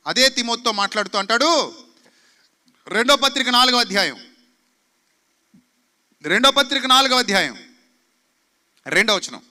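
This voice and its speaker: A man's voice: very high voice, animated, measured pace, pauses often, pushed and bright. A man preaching a fiery sermon, scolding the crowd with rhetorical questions and mocking quotes. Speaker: pastor.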